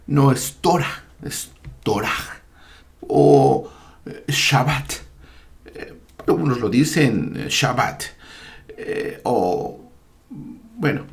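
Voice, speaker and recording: A man teaching a slow, deliberate lesson on Torah, spelling out Hebrew words and letters with frequent hesitations. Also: medium pitch, vocal fry, darkish tone. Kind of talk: slow explanatory Bible lesson.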